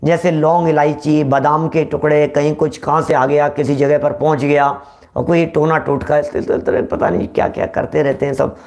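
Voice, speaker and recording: A man's voice: on the high side, level tone, normal speed, a little mellow. A man giving a religious discourse, explaining in a repetitive way and addressing listeners familiarly. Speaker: religious lecturer.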